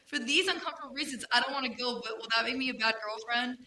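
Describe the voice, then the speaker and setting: A woman's voice: on the high side, fast, bright, forceful tone. A woman voicing a whiny, clingy young woman in a whiny baby voice while reading a post aloud.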